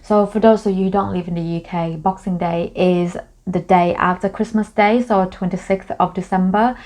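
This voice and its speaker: A woman's voice: on the low side, fairly even intonation, moderate pace, a little mellow. A young woman from Thailand, a native Thai speaker, chatting casually to camera in a vlog, explaining things in a friendly way with plenty of fillers. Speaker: vlogger.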